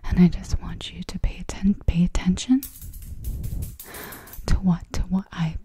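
A young adult woman doing fast whispered ASMR close to the mic, repeating words and syllables in a deliberate glitchy stutter. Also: fairly low pitch, fairly even intonation, mellow. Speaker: ASMR video host. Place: small decorated home studio room, indoors. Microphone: silver desktop condenser mic at the lips.

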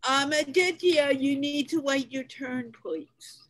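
Older lady teaching english on a video call, high voice, talks real slow and patient. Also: a bit bright, rough recording. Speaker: host of an English conversation class. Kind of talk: online video call chat.

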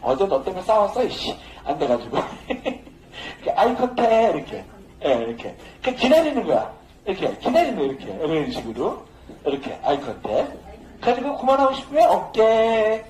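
A man's voice: sits high, very animated, normal speed, a little mellow. Laughing, chatty male dance teacher. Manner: chatty, joking, laughing often. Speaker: dance instructor. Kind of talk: casual dance lesson. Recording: echoey room with faint noise.

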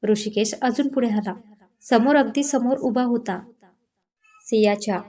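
A woman storyteller reading a romance story aloud in a gentle, expressive way. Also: fairly high pitch, unhurried. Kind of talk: scripted story narration.

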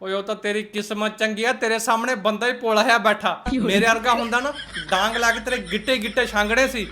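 A man's voice: high voice, fairly even intonation, fast talker, noisy background. A man with a Punjabi accent giving mocking, sarcastic reaction commentary in colloquial speech. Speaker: host of a roast reaction channel.

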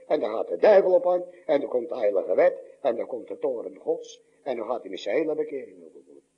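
Older Dutch pastor preaching dramatically. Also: male voice, husky, lo-fi sound. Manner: dramatic preaching, swinging between loud high cries and low hushed lines. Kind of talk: sermon.

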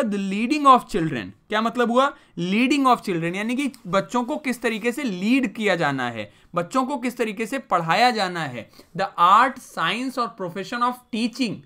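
A man's voice: sits high, bright, forceful tone. A male teacher giving a vocabulary lesson, mixing English terms into Hindi and asking the class questions he then answers himself. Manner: explains with repeated rhetorical questions.

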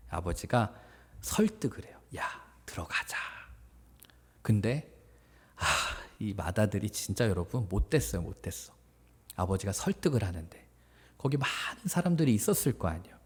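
A man's voice: fairly low pitch, breathy edge, long reverb tail. A man preaching casually to teenagers as their youth pastor, telling the story vividly and putting questions to his listeners. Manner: casual, animated storytelling that acts out the characters; addresses listeners directly with questions. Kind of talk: sermon to teenagers. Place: small church worship room.

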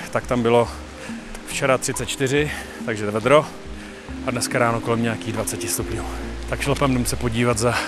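Walking outdoors through a mountain park, a travel vlogger in his thirties films himself on a phone held at arm's length. His medium-pitched voice carries casual narration and jokes.

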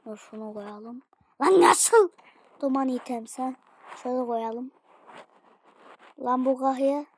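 A woman casually commenting on her own gameplay, excitable and slangy, often yelling at what happens on screen. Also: high-pitched, a little slow, breathy edge, dry recording. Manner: excitable, slangy, yells at the game. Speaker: gaming channel host.

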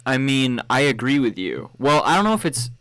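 A man's voice: medium pitch, big pitch swings, fairly quick, fairly bright tone, clean tone. A man in casual conversation on a call, talking loosely with many fillers and frequent giggles. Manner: chatty, filler-heavy, giggles. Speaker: stream host.

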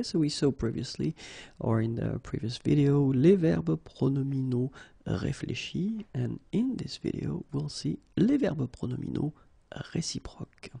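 French guy teaching grammar, super gravelly, kinda husky, slow and patient. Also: medium pitch, mellow. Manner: patient, explanatory, says "okay" often. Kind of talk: language lesson explaining grammar.

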